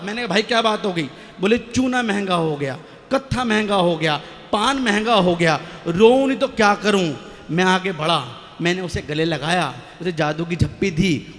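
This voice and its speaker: High-voiced man telling comic stage poems. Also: fairly bright tone, in a large hall. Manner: jokey storytelling, banter with audience. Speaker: stage poet. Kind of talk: comic poetry recital.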